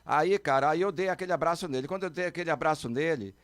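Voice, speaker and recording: A middle-aged man, telling a story as a podcast guest and acting out quotes in a high, excited voice. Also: fast talker, no echo. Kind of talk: animated storytelling.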